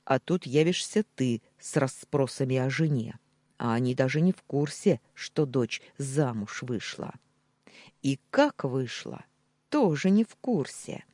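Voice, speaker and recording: A man voicing a blunt, gruff male friend who scolds curtly in an audiobook. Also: mid-range voice, expressive, a little slow, darkish tone, dry recording. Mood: scolding. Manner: curt, scolding.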